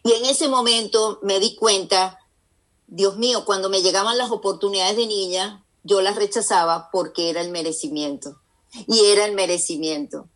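A woman's voice: mid-range voice, normal speed, fairly bright tone. A woman on a faith radio show, telling a personal story earnestly and with emphasis, acting out the voices of the people she quotes. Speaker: radio guest and author.

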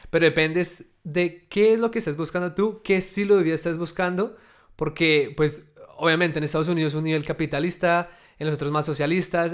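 A man who runs his own businesses talks straight to his viewers in a casual video. He keeps asking them questions and strings his thoughts together with loose, chatty fillers. His voice sits a touch high for a man. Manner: addresses viewers directly with rhetorical questions; conversational, loose, with many fillers. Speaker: entrepreneur sharing his experience. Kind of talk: casual talk to camera.

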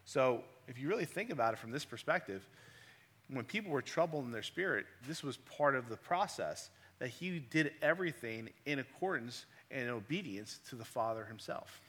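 A man's voice: medium pitch, lively intonation, normal speed, a bit bright. A man preaching a conversational sermon, asking his listeners rhetorical questions. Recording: long reverb of a large hall.

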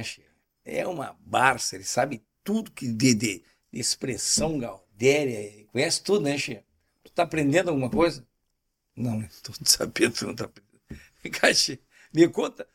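A man's voice: medium pitch, very animated, fairly quick, slightly rough. A man with a Rio Grande do Sul accent hosting a podcast, jovial and full of regional slang in casual chat. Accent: Rio Grande do Sul Portuguese. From southern Brazil. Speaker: podcast host.

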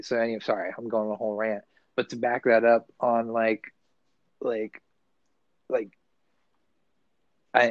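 On a casual podcast, a male co-host rambles, swears freely and keeps restarting his sentences, loose and self-correcting. His voice is lowish and darkish, with no room sound in a dull, dry recording.

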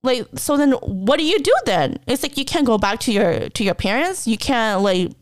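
A woman's voice: fairly high pitch, expressive, normal speed, no room sound. A young woman podcast host telling a personal story candidly, blunt and emotional with heavy swearing, close to tears at times. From Hmong community.

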